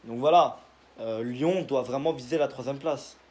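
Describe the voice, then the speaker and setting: A man's voice: medium pitch, normal speed, darkish tone. A young man, casually giving his football predictions in a rambling, joking monologue full of fillers. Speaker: football video creator.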